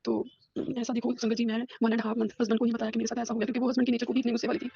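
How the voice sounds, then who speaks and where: A woman's voice: on the high side, level tone, racing, creaky, warm tone, breathy edge, highs cut off. A woman, a school teacher giving an earnest devotional testimony. She repeats herself often and mixes English words into her speech, recorded on a phone at home. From Punjab, India. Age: 50s. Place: a room at home.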